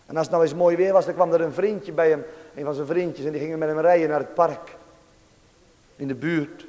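A man preaching a sermon, swinging between hushed tenderness and rising fervor. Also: fairly high pitch, fairly even intonation, a little fast. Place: church. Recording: long reverb of a church hall.

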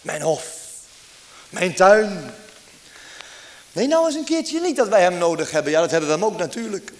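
A man's voice: sits high, animated, normal speed, darkish tone. A man preaching a fervent sermon, pleading with his listeners and asking them question after question.

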